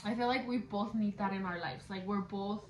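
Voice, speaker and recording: A giggly young woman, a vlogger, chats casually with her best friend in an echoey room with some background noise. Her voice is mid-range and darkish, and she talks fairly quickly. She's blunt, swears freely, and switches between English and Spanish.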